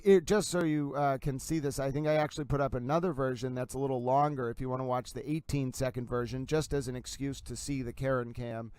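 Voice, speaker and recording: A man's voice: medium pitch, clean tone, no room sound. A man hosting a livestream in a mock sports-commentary style, showy and emphatic, repeating catchphrases. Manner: showman-like, emphatic, repetitive catchphrases.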